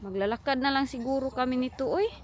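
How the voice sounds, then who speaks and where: A woman's voice: high voice, fast, very noisy. A woman vlogging while she walks her children home, chatting casually and switching between Tagalog and English. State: out of breath. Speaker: mother vlogging a walk home with her kids. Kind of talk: casual vlog chat. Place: outdoors on a street, walking.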